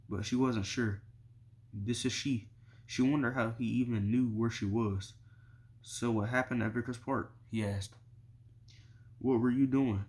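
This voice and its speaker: Low-voiced man reading a novel aloud. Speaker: audiobook reader.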